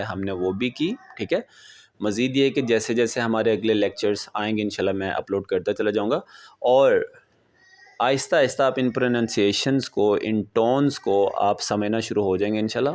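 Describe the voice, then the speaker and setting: A man teaching a beginner language lesson, explaining patiently and slowly repeating example words. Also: fairly low pitch, a little mellow.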